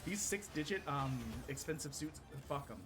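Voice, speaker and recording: A high-voiced man streams a game in loose, casual chat. He is excitable and swears freely, with faint game music playing underneath. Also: moderate pace. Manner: excitable, swears, laughs often. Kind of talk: casual live gameplay chat.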